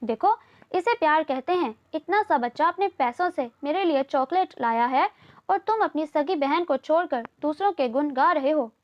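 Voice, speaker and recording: A woman voicing a sharp-tongued young woman who answers back with sulky, sarcastic retorts in an audio novel. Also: sits high, expressive, moderate pace, highs cut off.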